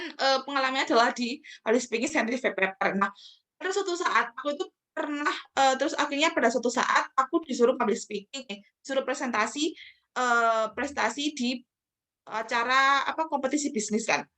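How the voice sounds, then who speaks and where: A woman's voice: a little high, pushed and bright. A young woman giving a casual webinar talk, chatty, with many fillers and restarts. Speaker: webinar speaker on public speaking.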